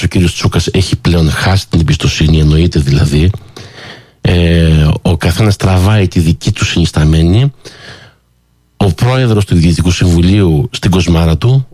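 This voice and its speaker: A man hosting a talk show who tells a story with animated commentary and acts out the people he quotes in a higher voice. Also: no room sound. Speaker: radio show host.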